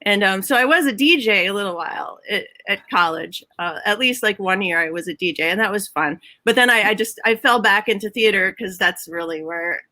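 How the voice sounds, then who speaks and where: Bright-voiced Minnesotan woman chatting. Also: medium pitch, brisk, hardly any pauses, dry recording. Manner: chatty, laughs often, restarts sentences. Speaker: guest, Broadway head of props. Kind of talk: casual interview chat. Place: her home.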